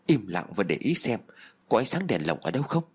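A man voicing a terse, secretive schoolboy who answers in clipped, flat phrases in a horror story. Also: on the low side, a little fast, husky. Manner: curt, flat, few words. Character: terse, mysterious schoolboy friend.

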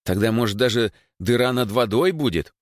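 A man's voice: mid-range voice, animated, moderate pace, no room sound, studio quality, voice pushed up, natural voice. A man voicing a shy, flustered schoolboy in an audiobook, who speaks hesitantly and stumbles over words. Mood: puzzling. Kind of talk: audiobook character voice.

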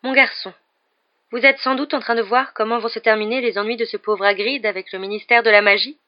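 Seer teacher, female, soft and breathy, high murmur, read by a man, lo-fi audio. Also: fairly even intonation, fairly quick, close to an everyday voice. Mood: murmuring, ominous.

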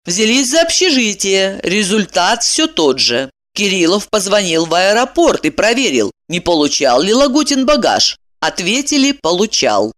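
Woman reading a story aloud, voice swoops up and down a lot, steady middle pitch. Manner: reads with lively, strongly varied intonation. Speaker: audiobook narrator. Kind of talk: scripted narration of a novel.

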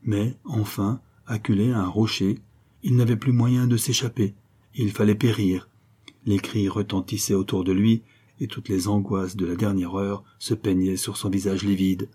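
A man narrating a historical novel as an audiobook, telling the story at a steady, measured pace. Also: fairly low pitch, breathy edge.

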